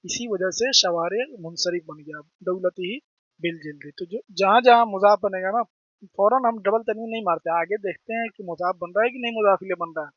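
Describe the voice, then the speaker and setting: Brief: man with a delivery, high voice, teaching grammar with a dry, dull lo-fi sound. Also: brisk, a bit bright, dry recording. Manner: repeats terms, asks and answers own questions. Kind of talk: explaining grammar lesson.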